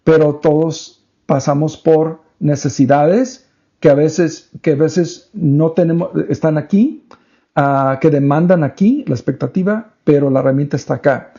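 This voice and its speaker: Gravelly, mellow-voiced man teaching parents. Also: on the high side, unhurried. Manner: earnest, teaching tone, mixes in English words. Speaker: podcast co-host. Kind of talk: conversational faith-based parenting talk. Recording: dull lo-fi podcast audio.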